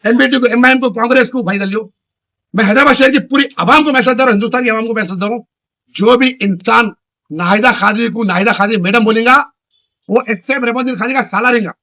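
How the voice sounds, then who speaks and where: A man, the chairman of a local news channel, ranting to the camera in loud, repetitive short bursts. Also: very high-pitched, fast.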